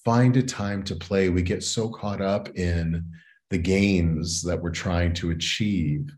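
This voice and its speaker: In this interview conversation, a man with a deep, darkish voice speaks slowly as an educator and consultant. He comes across as earnest and reflective and keeps checking in with "right?".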